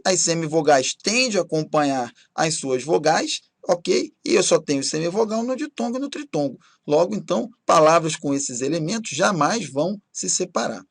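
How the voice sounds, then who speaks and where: A man's voice: sits high, creaky, husky, dry recording, studio quality. A man teaching a recorded grammar lesson, explaining step by step and often checking in with "ok?".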